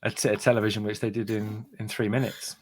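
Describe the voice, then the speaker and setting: A man's voice: fairly low pitch, little pitch movement, quick pace, slightly rough. Dry, teasing man. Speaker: podcast host. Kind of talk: casual banter.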